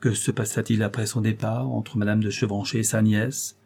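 A man narrating a classic novel as an audiobook in a measured, dramatic way. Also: lowish voice, flat delivery, gravelly, a little mellow, slightly rough. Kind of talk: scripted narration.

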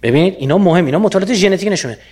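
A man from Iran giving a lively public lecture, often quizzing his audience with rhetorical questions. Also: sits high, husky.

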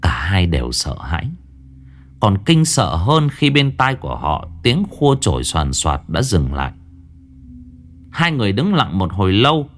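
A man narrating a scripted horror story, dramatic and hushed at tense moments. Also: low-pitched, slight background noise.

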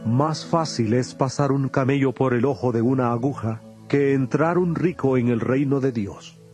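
An actor playing Jesus as a grave, patient teacher in a dramatized audio Bible, speaking in a solemn, measured way. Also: male voice, mid-range voice, a little mellow, faint music behind, close to an everyday voice. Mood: solemn assurance. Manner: solemn, deliberate, measured delivery.

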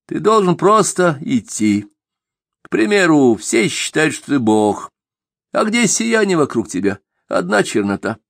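A man voicing an old, gentle and tired holy man who speaks patiently, in an audiobook. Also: on the high side, sing-song, a little slow, creaky, no room sound, studio quality, voice pushed up, exaggerated voice. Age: older. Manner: soft, patient, calls others "son".

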